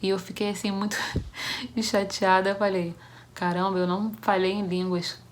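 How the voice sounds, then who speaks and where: A young woman from Brazil giving a church devotional as a personal testimony, telling her story with halting restarts and acting out the voices of people in it. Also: mid-range voice, level tone, a little hiss or hum.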